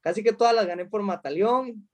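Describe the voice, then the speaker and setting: A high-pitched man from Costa Rica, in his thirties, talks about his life as a fighter. He answers in a halting way, restarting his sentences and filling gaps with small sounds. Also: a little mellow. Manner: hesitant, many restarts and fillers. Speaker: mixed martial arts fighter. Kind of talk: interview answers.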